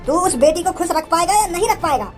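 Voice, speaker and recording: A performer voicing a gruff village father who teases and then threatens, scolding in a mocking way, with a sped-up, high-pitched voice effect. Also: animated, fast talker, music in the background. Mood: stern. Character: gruff village father, teasing yet menacing.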